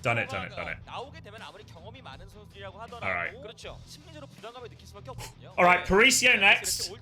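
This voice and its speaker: A man in his thirties co-streams an esports match, rambling to chat and correcting himself as he goes. His voice sits high with huge pitch swings, and he talks slowly over music.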